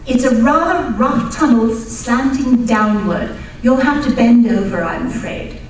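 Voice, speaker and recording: A woman acting in an old-time stage radio play voices a genteel lady archaeologist who is eager, polite and earnest, explaining at a measured pace. Her voice is fairly high, and she sounds distant in a very echoey hall with faint noise present.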